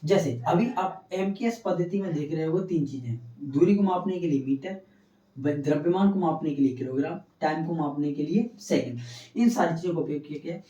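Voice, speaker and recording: A slightly high, mellow male voice, moving a little fast, belongs to a science teacher lecturing his class. He asks questions and supplies the answers, stressing key terms through repetition. The sound is distant and dull, with plenty of room echo.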